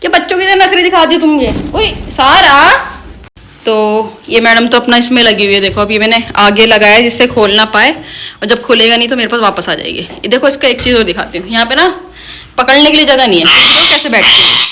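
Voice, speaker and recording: A woman with a bright, sharp, somewhat high voice talks to her pet parrots in a sing-song way, one moment scolding and the next cooing. She films casually on a phone held in her hand indoors at home, describing what the birds do. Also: animated, fast, a little hiss or hum. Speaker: pet vlogger. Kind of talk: casual vlog narration.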